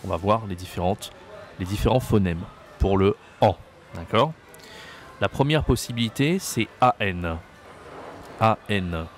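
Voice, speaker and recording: A man teaching a video lesson on pronunciation, slow and patient, repeating words and checking that the listener follows. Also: lowish voice, soft background music. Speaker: French teacher. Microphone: camera mic.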